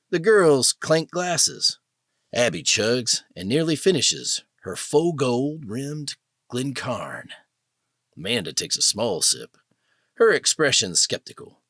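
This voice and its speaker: A man narrating an audio drama with dramatic, expressive storytelling. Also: medium pitch, vocal fry, breathy edge, dry recording, clean studio sound. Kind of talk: scripted narration.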